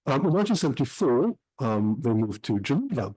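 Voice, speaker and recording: A middle-aged man speaks at a middle pitch, giving an academic talk. He weighs his words, filling the gaps with frequent ums. His delivery is careful and reflective. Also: very animated, warm tone, slightly rough, low-quality recording. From Switzerland. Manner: measured, frequent um pauses. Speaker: historian giving a talk about his book.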